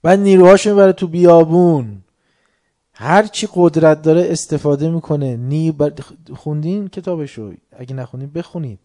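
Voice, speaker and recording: Impassioned male preacher, fairly high voice. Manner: swings from soft asides to loud, heated outbursts. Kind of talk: religious lecture.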